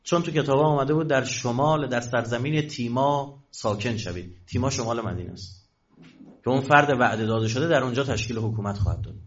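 A man giving a religious lecture to an audience, asking questions and answering them himself. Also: medium pitch. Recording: dull lo-fi recording.

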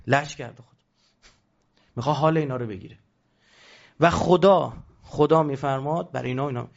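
A man giving an animated religious lecture, emphatic and rhetorical, now and then mimicking the voices of others. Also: on the high side, vocal fry, lo-fi sound.

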